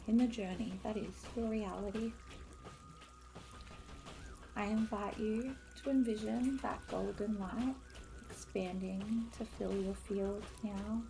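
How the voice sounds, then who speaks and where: A woman leading a spiritual guided meditation in a soft, soothing, airy mystical-healer manner, with long pauses between short phrases. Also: medium pitch, gravelly, poor audio.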